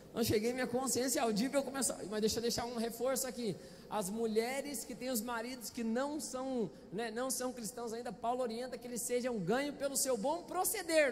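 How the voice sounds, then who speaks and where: A man's voice: very high voice, big-room sound, slight background noise. A male pastor with a Brazilian Portuguese accent, preaching a Sunday sermon in a chatty, playful way and often asking the congregation questions, on a handheld microphone in a church. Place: church auditorium.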